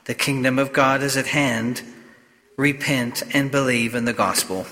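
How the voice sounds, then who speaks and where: Priest with a cathedral echo. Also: male voice, medium pitch, steady tone, sharp tone, a little hiss or hum. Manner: slow, measured delivery. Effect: cathedral-like echo with long reverb. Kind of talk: gospel reading and homily at Mass. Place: church during Mass. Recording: long church reverb.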